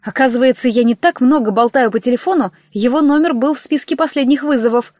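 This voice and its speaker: A woman narrating an audiobook in the first person with an expressive reading, on a dull, dry recording. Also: high voice, fast talker, no room sound.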